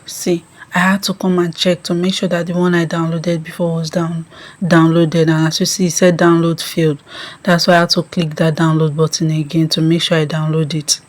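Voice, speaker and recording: Tutorial host: woman, deep and even-toned, explains each step with ums. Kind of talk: screen-recorded app tutorial.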